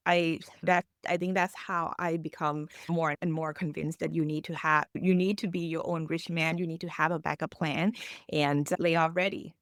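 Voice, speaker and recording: Woman, earnest and low-pitched. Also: no echo, studio quality. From Thailand. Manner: earnest, explanatory, non-native phrasing. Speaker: financial coach. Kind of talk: podcast interview.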